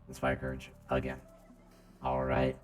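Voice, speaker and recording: Man with a deep robot voice filter. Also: a little slow, soft background music. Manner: relaxed, teasing rules explanations. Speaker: game master. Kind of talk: running a tabletop game over voice chat.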